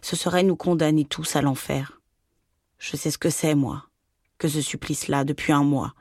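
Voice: medium pitch, steady tone, normal speed, dry recording, natural voice. A reader doing a grieving middle-aged mother, weary and pleading, voice heavy with shame. The recording is dry and close, a read storybook. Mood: sorrowful.

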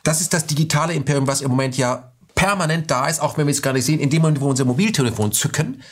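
A man's voice: on the high side, racing. A man interviewing a guest, asking enthusiastic, rambling questions. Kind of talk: interview conversation.

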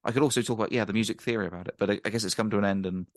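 A man's voice: fairly low pitch, fairly even intonation, rapid-fire, dry recording. A man telling a rambling, chatty story as a podcast guest, laughing often. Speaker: guest musician and ukulele teacher. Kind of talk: casual storytelling.

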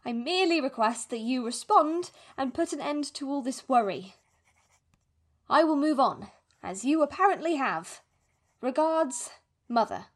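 In a fantasy audio drama, a woman plays an anxious, wounded, fiercely loving middle-aged mother who reads her letters in a formal, measured way. Her voice sits high with lively intonation, sounding hurt and furious.

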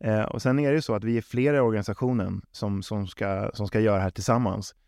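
Lowish-voiced man answering interview questions, dry sound. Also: steady tone, creaky, a little mellow, dry recording. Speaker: football club sporting executive, interviewee.

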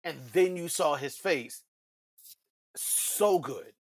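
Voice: medium pitch, expressive, slow pace, no room sound, studio quality. A podcast co-host breaking down a wrestling segment step by step in casual chat. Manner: explanatory, builds points step by step.

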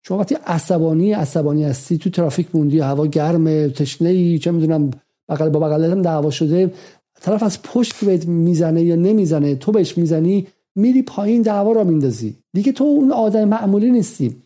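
A man with a slightly high, very bright voice delivers an argumentative commentary monologue. He repeats key phrases to hammer his points home and often slows down on the important words. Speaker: political commentary host.

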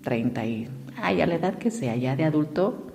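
A woman's voice: deep voice, animated, moderate pace, creaky, warm tone, big-room sound. A woman gives a reflective motivational talk and asks her listeners direct questions. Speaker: speaker on emotions.

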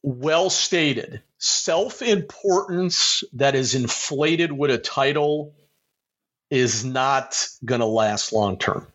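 A man's voice: mid-range voice, slow pace, a bit bright, lo-fi sound. A man from Ohio giving earnest, motivational advice as a podcast guest, with a preacherly way of talking. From Ohio, USA. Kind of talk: casual interview talk.

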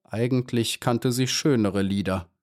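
A man narrating a children's storybook audiobook in a calm, measured way. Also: mid-range voice.

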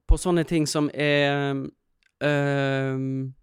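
A man in his thirties, a podcast guest, telling stories in an animated way in casual chat. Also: medium pitch, clear, resonant tone, no room sound, studio quality. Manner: animated, laughing storyteller.

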